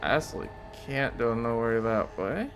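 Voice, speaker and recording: A man's voice: medium pitch, animated, moderate pace, over music. A man giving casual commentary as he plays a video game. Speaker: gamer playing on camera or stream.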